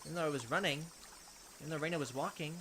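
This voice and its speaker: A quick-talking let's play host with a slightly high voice reads a visual novel's text aloud and jokes about it, animated, with wry asides between narration. Background noise includes game audio and loud cricket ambience.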